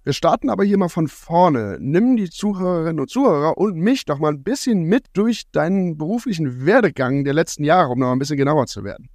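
A man's voice: fairly high pitch, animated, fairly quick, hardly any pauses, a little mellow, no echo, studio quality. A man hosting a podcast, reading the intro and asking questions in a friendly, upbeat way. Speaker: podcast host.

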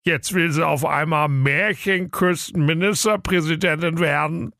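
A man's voice: on the high side, unhurried, a bit bright, no room sound, clean studio sound, voice pushed up. A man voicing a good-natured, henpecked excavator driver who sounds exasperated in a comic audio fairy tale. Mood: weary. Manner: weary, exasperated, sing-song rhymes.

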